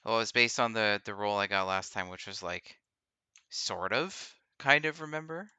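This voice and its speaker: A man's voice: fairly low pitch, normal speed, pushed and bright, clean tone, dry recording. A man chatting casually as a player in a tabletop game, unsure and full of fillers.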